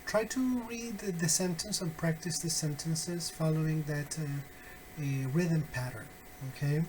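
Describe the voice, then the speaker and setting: A man walks through a phonetics lesson at an unhurried pace. He pauses often and keeps checking that his listeners follow. A faint hiss of room noise sits under his voice. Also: fairly high pitch, darkish tone, rough recording. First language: Spanish. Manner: slow, patient, many "uh" fillers and "okay?" checks. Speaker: phonetics teacher. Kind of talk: recorded online lecture.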